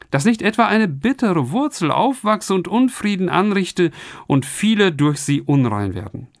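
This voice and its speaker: A man's voice: on the high side, no room sound, studio quality. A man preaching a radio sermon, speaking earnestly and turning to his listeners with direct questions.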